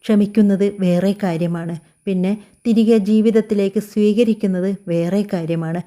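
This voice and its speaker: A woman narrator puts on a quietly dignified mother from a spoken story, calm and measured. Her tone is deep-toned and mellow, never rising into anger. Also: natural voice. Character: composed middle-aged mother, quietly dignified.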